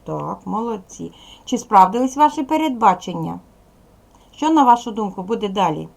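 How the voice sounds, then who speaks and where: Woman teacher, video lesson for young kids, animated intonation, gravelly edge, clear patient delivery. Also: medium pitch, moderate pace. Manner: clear, patient, addressing pupils directly. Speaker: primary school teacher. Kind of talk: recorded video lesson for children.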